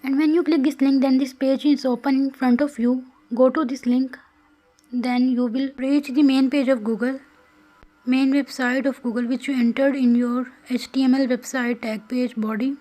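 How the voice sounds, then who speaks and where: A woman's voice: high voice, steady tone, normal speed, dark tone, soft background music, low-quality recording. A woman narrates a coding tutorial in a careful, instructional way, with phrasing. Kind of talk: scripted screen-recorded tutorial narration.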